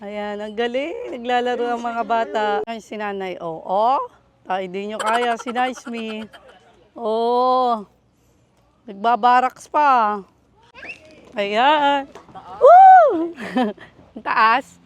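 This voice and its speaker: A woman's voice: fairly high pitch, slow, pauses often, a crowd in the background. A woman from the Philippines giving an upbeat, chatty vlog tour of an outdoor farm, often laughing, filmed on a handheld phone. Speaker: vlogger.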